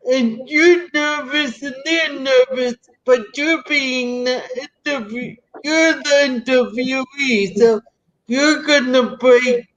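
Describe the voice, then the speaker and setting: A woman hosting a casual conversation, speaking in an earnest, deliberate way. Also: high voice, dull audio.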